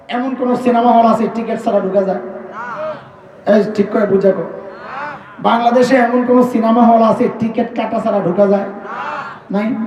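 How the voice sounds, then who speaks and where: A male preacher with a Bangladeshi Bengali accent delivers a sermon in a high voice. He fires questions at his listeners and slips into drawn-out, sung scripture. His voice reaches the mic from a distance and rings around a large, echoing space. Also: darkish tone. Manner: asks the crowd questions, chants scripture in a drawn-out singing tone. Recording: echoey, far from the mic.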